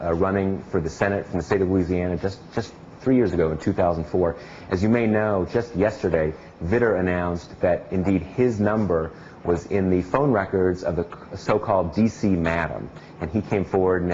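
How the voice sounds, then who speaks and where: A man hosting an online news segment, calm with a wry edge. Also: sits low. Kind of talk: news commentary. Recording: dull lo-fi audio with faint noise.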